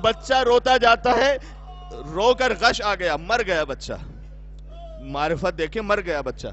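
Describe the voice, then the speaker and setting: A man with a Pakistani Urdu accent preaches a Muharram sermon, his voice pitched very high and worked up to tearful cries. The recording is dull and lo-fi. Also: expressive, fairly bright tone, soft background music. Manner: impassioned, weeping and crying out.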